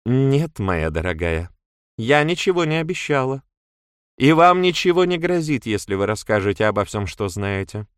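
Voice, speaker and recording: A man's voice: mid-range voice, very animated, moderate pace, clean tone, no room sound, clean studio sound, pitched above the performer's own voice, close to an everyday voice. A man reading an audiobook, voicing a composed, stern woman who speaks in clipped words, stressing each one. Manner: clipped, spelling out each word.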